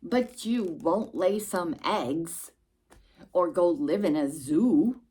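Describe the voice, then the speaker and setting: Her voice on the low side with a breathy edge, a woman reads a rhyming picture book aloud to a young child. She hosts the storytime expressively and emphatically, tossing in brief asides.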